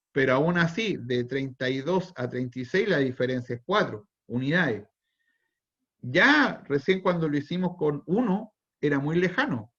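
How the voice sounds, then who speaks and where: A man's voice: on the high side, a bit bright, lo-fi sound. A man with a Chilean accent teaching a university math class online, thinking aloud, restarting phrases and quizzing his students. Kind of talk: online lecture.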